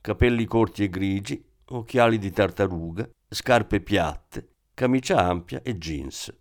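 A man giving steady, scripted audiobook narration. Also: fairly low pitch, measured pace.

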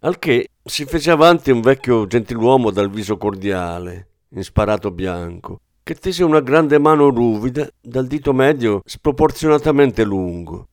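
A man narrating a classic story as an audiobook, in a measured literary reading. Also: mid-range voice, lively intonation, no room sound, clean studio sound.

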